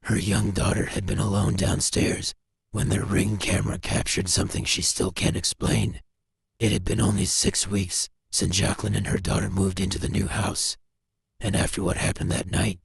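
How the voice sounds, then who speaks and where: A man's voice: low voice, level tone, moderate pace, vocal fry, breathy edge, no echo. A man giving scripted, suspenseful narration over paranormal video clips. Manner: dramatic, suspenseful storytelling.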